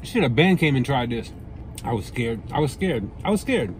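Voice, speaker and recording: Man, casual vlog host, chewing while talking, excited, slangy, repeats himself, faint background noise. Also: medium pitch, moderate pace, rough recording. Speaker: food review host. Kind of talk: casual food review vlog.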